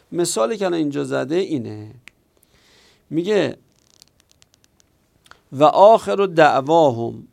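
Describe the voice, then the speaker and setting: A man's voice: fairly high pitch, gravelly. A man teaching a grammar lesson, who poses questions and answers them himself while stressing the key words. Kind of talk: explanatory grammar lecture.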